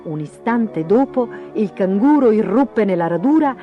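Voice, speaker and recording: A woman reading a fairy tale aloud in a lively, expressive storytelling manner. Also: medium pitch, measured pace. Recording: dull lo-fi with faint music.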